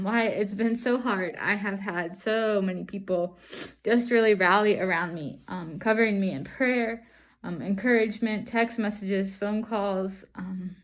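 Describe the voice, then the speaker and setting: A woman speaks from behind a face mask in a mid-pitched voice. She gives an earnest personal account to viewers, reflective and halting, often pausing to find her words. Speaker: vlogger sharing stroke recovery. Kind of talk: personal testimony to camera.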